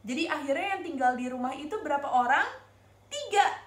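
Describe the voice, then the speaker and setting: A woman with an Indonesian accent teaching Sunday school, telling a story to young children in an animated, sing-song way and asking them questions. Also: high voice, fairly quick, roomy sound.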